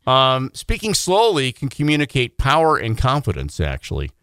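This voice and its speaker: A man co-hosting a radio morning show, chatting casually in a quick, joking, self-deprecating way. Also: medium pitch, wildly swooping pitch, fairly bright tone, clear, resonant tone, dry recording, studio quality.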